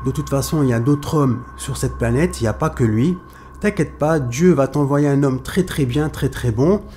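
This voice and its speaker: A man's voice: mid-range voice, moderate pace, darkish tone, slight background noise, lightly acted. Man doing a proud middle-aged mother; defiant, comforting; close to his own voice. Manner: reassuring, defiant.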